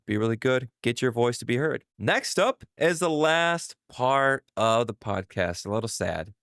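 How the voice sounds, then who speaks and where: A man's voice: lowish voice, clear, resonant tone. Guy hosting a game podcast, chill jokey vibe, dry sound no room echo. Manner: upbeat, jokey, runs the segments. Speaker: podcast host. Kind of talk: casual podcast chat.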